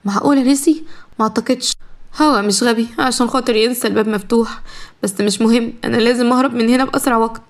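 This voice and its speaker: A woman's voice: on the high side, fairly even intonation, rapid-fire, natural voice. A woman voicing a young captive bride, pleading through tears. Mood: determined. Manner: tearful, pleading.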